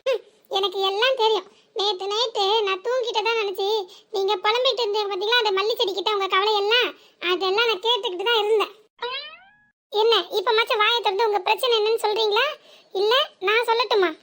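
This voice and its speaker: Woman voicing a teasing village girl, very high squeaky voice, southern Tamil Nadu accent, mocking, quick-witted, cartoon comedy. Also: steady tone, fairly bright tone. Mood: knowing. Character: teasing young village woman, playful joker.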